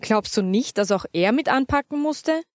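A patient storybook mother speaks calmly and firmly, with a gently teasing edge, as a woman reads her. The sound is dry and close. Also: a little high, moderate pace, dry recording, lightly acted. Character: patient, wry mother, calm and firm.

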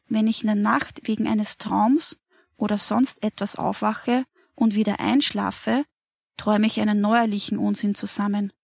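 A woman voicing a kind mother who comforts a child in a calm, gentle, reassuring way. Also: medium pitch, creaky, breathy edge, no echo, studio quality.

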